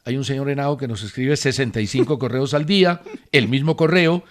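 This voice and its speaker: A man hosting a sports radio talk show, giving his opinions in a measured, emphatic way. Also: medium pitch. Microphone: studio radio mic.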